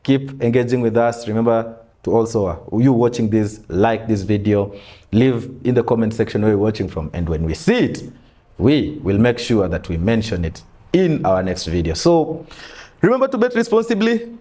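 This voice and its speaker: A man's voice: fairly low pitch, normal speed. Young man hosting a betting-tips show. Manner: relaxed, lists picks with frequent "mm" backchannels. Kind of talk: casual betting-tips chat. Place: small studio in front of a brick wall backdrop.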